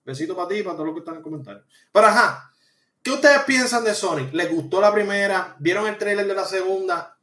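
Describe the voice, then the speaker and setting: In an echoey room, a podcast host reads his live chat aloud, his high voice moving at a fairly quick clip. He rants and cracks jokes in lively, slang-heavy casual speech.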